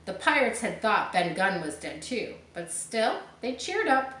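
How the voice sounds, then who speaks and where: A woman reads a story aloud in a mid-range, sing-song and fairly bright voice, stepping aside to explain words and confirm her listeners understand. Faint background noise and echo fill the room.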